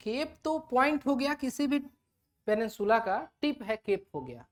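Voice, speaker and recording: A woman's voice: on the high side, big pitch swings, moderate pace. A woman teaching a lecture who asks her students questions and then answers them herself, mixing English terms into her explanations. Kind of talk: classroom lecture.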